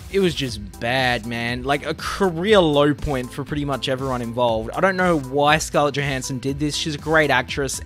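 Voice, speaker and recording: A man's voice: a little high, a bit bright. A young Australian man ranting casually about bad movies, sarcastic and exasperated, swearing often. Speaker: movie reviewer.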